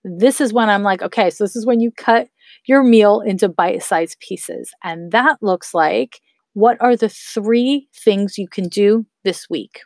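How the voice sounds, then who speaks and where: Speaking a little slowly in a mid-range voice, a podcast host in her thirties encourages her listeners, whom she calls her loves, with casual spiritual advice. The dry, close recording carries no room sound.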